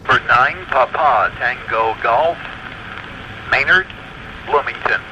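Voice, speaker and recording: A man checking in to an amateur radio net, talking casually with halting pauses, heard over a two-way radio link. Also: medium pitch, bright, forceful tone. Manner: halting, many filler pauses. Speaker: ham radio net caller. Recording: dull noisy radio transmission.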